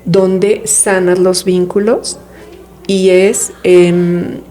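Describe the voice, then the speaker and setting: Mellow, low-voiced woman explaining. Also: level tone, extremely slow, faint music behind. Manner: reflective and explanatory, uses rhetorical questions. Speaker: guest speaking on family therapy. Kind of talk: conversational interview.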